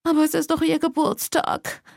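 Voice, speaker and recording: A woman's voice: high voice, monotone, normal speed, gravelly, a little mellow, no room sound, clean studio sound, pitched above the performer's own voice. A woman putting on a frantic flustered mother. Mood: whimpering. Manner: hectic, wailing complaints. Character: frantic middle-aged mother, flustered and whiny. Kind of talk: audiobook character voice.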